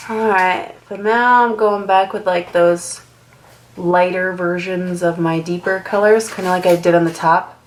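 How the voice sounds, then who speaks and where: A young woman, a makeup artist, talks casually at home as she does her makeup. Her voice is lowish and nasal from a cold, with fairly even intonation and a measured pace. The recording is rough, and her get-ready-with-me chat rambles with lots of "like."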